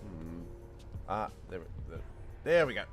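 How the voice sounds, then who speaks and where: A man in a low, very animated voice speaks a little slowly while streaming a game. His commentary is chatty and rambling, full of laughs and remarks to chat, with game music in the background.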